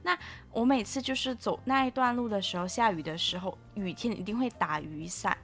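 A young woman co-hosting a casual podcast, explaining things at a measured pace with frequent fillers. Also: medium pitch, fairly bright tone, soft background music. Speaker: podcast co-host. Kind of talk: casual chat.

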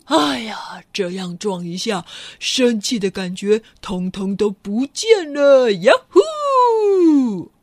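A woman voicing a big blustering male rhino in a storybook, slow and gruff. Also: fairly high pitch, very animated, a little mellow, no room sound, clean studio sound, full character voice. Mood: boisterous.

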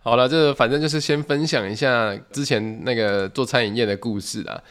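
Fast-talking Taiwanese Mandarin man. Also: mid-range voice. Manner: lively anecdotes, acting out quoted voices. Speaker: podcast host. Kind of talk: casual storytelling monologue.

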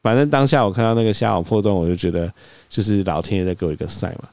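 A man, co-hosting a podcast, telling a story in an animated way and acting out quoted lines. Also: lowish voice, rapid-fire, dry recording. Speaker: podcast co-host. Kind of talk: casual storytelling chat.

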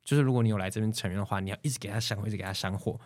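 A man with a Taiwanese Mandarin accent tells stories at a quick clip, his voice sitting a little low. He slips into the voices of the people he quotes. The sound is close and dry. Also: no room sound. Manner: animated, acts out quoted voices. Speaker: podcast guest. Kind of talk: casual storytelling chat.

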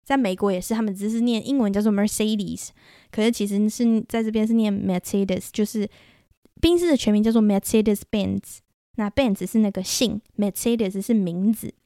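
A woman from Taiwan with a Taiwanese Mandarin accent, hosting a solo podcast in an animated, chatty storytelling way. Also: mid-range voice, moderate pace, dry recording, clean studio sound. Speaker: podcast host.

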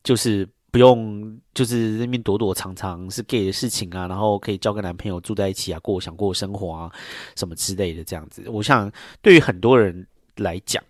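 A chatty podcast host, who wanders through his story with lots of fillers and restarts. His voice sits fairly low and sounds dry and close, with no room around it. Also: brisk, a little mellow, dry recording. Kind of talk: casual podcast monologue.

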